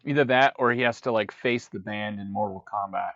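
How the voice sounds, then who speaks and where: A man's voice: lowish voice, a little fast, a bit bright, dry recording. A man co-hosting a podcast, riffing sarcastically on a movie with rambling jokey asides. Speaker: podcast co-host. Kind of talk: joking movie riff commentary. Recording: dull lo-fi dry sound.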